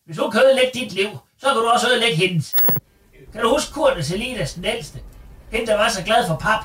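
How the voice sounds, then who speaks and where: A man's voice: high voice, animated, pushed and bright, far from the mic, slight background noise. A man playing a crude, foul-mouthed, bossy mother in a comedy radio sketch, swearing and insulting. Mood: spiteful. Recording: roomy echo, off-mic.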